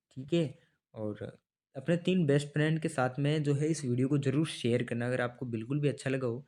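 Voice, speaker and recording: A man's voice: medium pitch, a little mellow. A man teaching an online exam-prep lesson in a chatty way, asking his students rhetorical questions and repeating key dates and names so they stick. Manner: chatty, asks students rhetorical questions, calls them brother.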